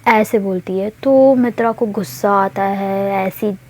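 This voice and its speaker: A woman's voice: mid-range voice, unhurried, a little mellow. A woman casually telling a serialized story, chatting and explaining the characters' motives. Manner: chatty, mixes English words, explains motives.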